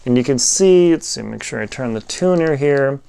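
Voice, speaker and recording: In a clean-sounding clip, a man with a dark, mid-range voice and vocal fry gives an offhand product review. He's expressive but halting, working out his thoughts while he demonstrates.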